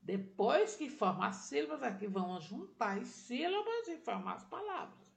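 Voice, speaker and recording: A woman's voice: a little high, sing-song, normal speed, gravelly. A woman teacher giving a patient remote literacy lesson to children, walking through each step and checking that they follow along.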